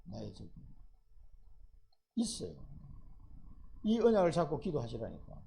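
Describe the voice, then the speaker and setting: Pastor guy giving a sermon at church, lively, big swoops in his voice. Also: mid-range voice, measured pace, creaky, slight background noise. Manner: lively, asks the congregation rhetorical questions. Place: church service.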